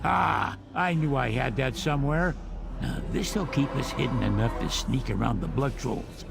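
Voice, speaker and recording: An actor voicing a cranky, boastful old troll scholar in a video game. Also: male voice, mid-range voice, unhurried. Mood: gruff. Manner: gravelly, boastful, rambling. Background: game music.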